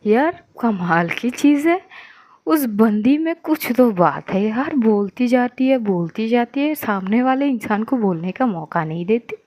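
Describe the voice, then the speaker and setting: A woman's voice: a little high, expressive, takes it slowly, a little mellow. A woman voicing a young woman's teasing, gossipy best friend, in a storytelling narration.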